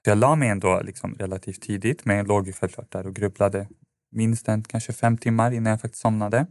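A man's voice: on the low side, fairly even intonation, dry recording, clean studio sound. A man, a podcast guest, telling a personal story in a casual, rambling way with lots of fillers and restarts.

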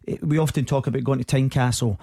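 A Scottish man breaks down football tactics on a radio panel, rapid and chatty, often repeating a word before he finds the next one. His tone is mellow and relaxed. The studio mic is close and dry. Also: medium pitch, vocal fry, husky, no echo. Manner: rapid, chatty, repeats words while thinking. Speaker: football pundit. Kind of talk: radio sports analysis.

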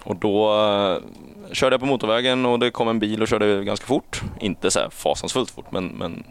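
A man in his thirties, a police officer, telling a story in casual conversation, laughing often and acting out his own panicked shouts. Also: fairly low pitch, clear, resonant tone, dry recording.

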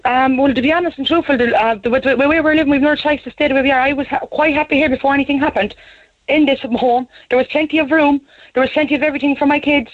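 A woman's voice: sits high, fairly even intonation, quick pace. Anxious Irish woman calling in by phone. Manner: pleading, repeats "to be honest". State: anxious and shaken. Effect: heard over a phone line. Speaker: caller. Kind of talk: radio phone-in call. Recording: tinny phone line on radio.

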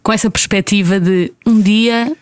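A woman with a European Portuguese accent and a medium pitch interviews guests in a conversational way. Her voice is recorded dry and close, without room echo. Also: steady tone, moderate pace. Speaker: podcast host and interviewer.

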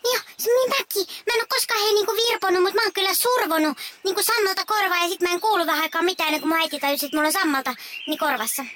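Mauri, a squeaky boy squirrel. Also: very noisy. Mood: excited. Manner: eager, rambling, full of fillers. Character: chatty little boy squirrel. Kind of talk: children's audio story acting.

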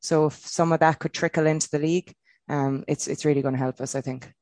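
A woman's voice: deep voice, steady tone, fast talker, warm tone, dry recording. An Irish woman from Kilkenny giving her views as a guest in a casual interview. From Kilkenny, Ireland. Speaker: football player and pundit guest.

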